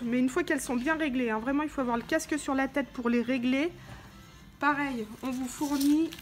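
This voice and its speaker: Her high, slightly mellow voice guides an informal product tutorial for a motorcycle gear channel. Background music plays as she handles the parts and explains each step.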